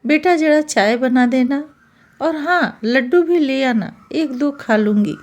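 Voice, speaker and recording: Bossy scolding mother-in-law, narrator lady doing her, slow and high pitched. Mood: calling out. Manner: scolding, commanding.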